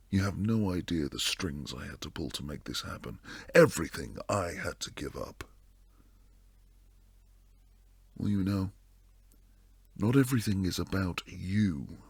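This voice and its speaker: Frustrated and pleading, a man in an intimate ASMR roleplay plays a protective bodyguard boyfriend, heavily acted. His very deep, gravelly, breathy low voice moves slowly into hushed whispers, stern and weary with tenderness underneath. He's close on a dry mic with no room sound.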